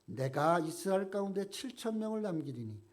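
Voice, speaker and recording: A man preaching a sermon as pastor, emphatic, raising his voice when he quotes God's questions and dropping low and quiet at the ends of phrases. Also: very animated, a little fast.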